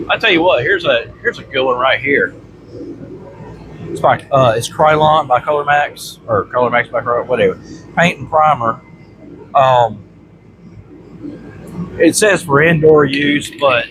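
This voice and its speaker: In a workshop with a heater droning steadily, a medium-pitched man hosts his vlog, rambling to the camera in a casual, folksy, colloquial manner. His bronchitis shows in a congested, chesty voice and constant throat clearing.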